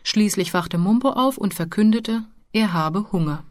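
A woman narrating a children's storybook in a calm, even manner. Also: medium pitch, measured pace, no room sound. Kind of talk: audiobook narration. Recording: dry close studio sound.

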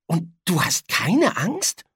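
Storybook boy, cheeky but timid, raised pitch and husky, read by a man. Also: wildly swooping pitch, slow pace, a bit bright, no room sound, studio quality, full character voice. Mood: boyish.

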